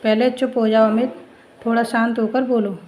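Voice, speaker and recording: A woman's voice: fairly high pitch, level tone, moderate pace, a little mellow, lightly acted, low-quality recording. A woman voicing a hurt young married woman who speaks in a stern, firm way.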